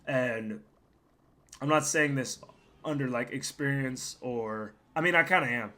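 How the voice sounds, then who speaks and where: Speaking at a measured pace in a mid-range voice, this young streamer is hoarse after losing his voice. He narrates his gameplay casually and profanely, rambles between plays, and occasionally yells out loud.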